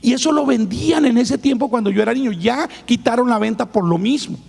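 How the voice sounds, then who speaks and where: A man preaching a personal testimony in church, his voice hoarse and raspy, talking emphatically and calling his listeners brother. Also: extremely high pitch, brisk, a little mellow. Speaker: pastor. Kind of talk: sermon testimony. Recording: long hall reverb.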